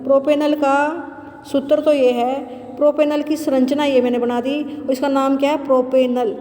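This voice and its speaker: A woman teacher giving a chemistry lesson, asking questions and answering them herself, repeating key terms slowly. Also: high voice, little pitch movement, warm tone. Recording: roomy echo with long reverb.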